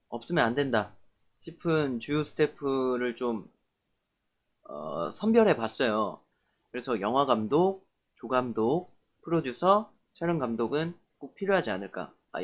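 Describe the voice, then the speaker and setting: Chatty man teaching a film class. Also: mid-range voice. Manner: friendly, chatty, with fillers and warm asides. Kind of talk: online film class lecture.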